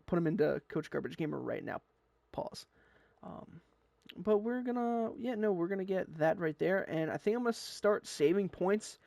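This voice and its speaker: A man's voice: fairly high pitch, vocal fry, dry recording. A young man with a slightly raised voice chats through his sports game as he plays. He rambles in an easy, upbeat way and stumbles over a word here and there. The sound is dry and close, recorded at a desk mic. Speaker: gaming YouTuber. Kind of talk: casual gameplay commentary.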